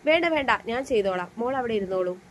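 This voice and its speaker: A woman voicing a caring older mother who speaks gently and protectively about her son in a storybook reading. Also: fairly high pitch, animated, fast talker, slight background noise, natural voice. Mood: gentle.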